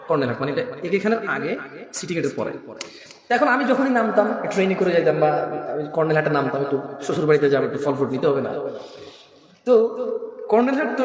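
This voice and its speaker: A man's voice: fairly high pitch, distant mic. A man preaching a waz sermon, calling out questions for the crowd to answer and joking between points. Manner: call-and-response, shouting questions to the crowd; jokes and asides. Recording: echoey hall with a crowd.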